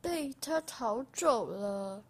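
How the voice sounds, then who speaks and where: A woman's voice: a little high, lively intonation, very slow, a little mellow, heavily acted. A woman voicing a small, wistful wolf in a storybook reading, stubbornly refusing in a pouting way. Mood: sulky. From Malaysia.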